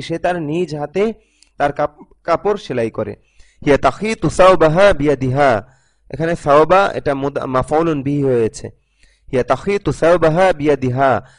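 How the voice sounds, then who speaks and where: A man giving a recorded Arabic grammar lesson, reading example sentences, translating and explaining them step by step, sometimes correcting himself. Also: a little high. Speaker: Arabic teacher.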